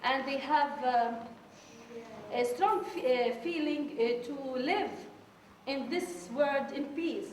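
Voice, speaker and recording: A woman's voice: sits high, takes it slowly, darkish tone, reverberant, distant mic, slight background noise, poor audio. A woman teacher speaking hesitantly in an interview, searching for words. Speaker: school teacher.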